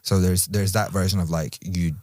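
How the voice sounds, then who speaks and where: A low-pitched man with an Edinburgh Scottish accent talks in a relaxed podcast conversation. His delivery moves between dry, teasing jokes and careful, measured reflection. The sound is close and dry, with no room around it. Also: no room sound. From Scotland. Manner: playful, dry teasing humor; thoughtful, measured when explaining.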